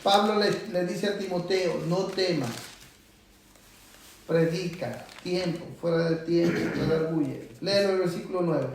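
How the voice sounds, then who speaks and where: A man's voice: high voice, a little slow, slight background noise. A man preaching a sermon to a congregation, emphatic and exhorting, his voice climbing as he drives a point home. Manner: emphatic, rising to loud exhortation. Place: church hall. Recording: echoey room, from far off.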